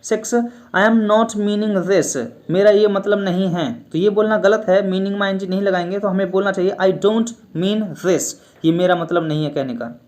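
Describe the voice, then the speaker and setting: A man teaching an English grammar lesson in Hindi, reading each English example slowly and then explaining it step by step. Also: high-pitched, darkish tone.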